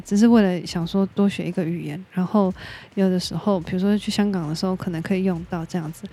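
A Taiwanese-accented woman chats on her own podcast in a relaxed, unscripted way. Her voice is mellow and warm, sitting at a middle pitch. She speaks her mind frankly and slips English words into her talk. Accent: Taiwanese Mandarin. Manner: candid and opinionated, drops in English words. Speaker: podcast host. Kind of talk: casual solo podcast chat.

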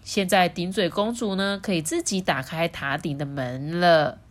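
A woman reading a picture book aloud for children, playful and quick to laugh. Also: fairly low pitch. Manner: playful, laughing, lively voice changes. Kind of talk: animated children's story reading.

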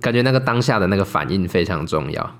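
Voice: deep voice, expressive, fast. A host chatting casually with a guest, reacting often with laughs and exclamations. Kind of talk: casual interview chat. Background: faint background music.

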